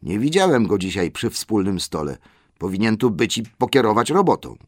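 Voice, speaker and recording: A man voicing merry, impatient male elves in an audiobook, loud and mocking. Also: lowish voice, big pitch swings, normal speed, dry recording, studio quality. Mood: calling.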